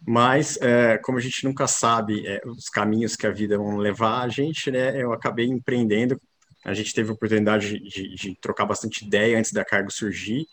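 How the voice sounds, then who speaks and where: A man, a company co-founder talking casually as an interview guest, relaxed and rambling with many fillers. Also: on the low side. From interior of São Paulo state, Brazil.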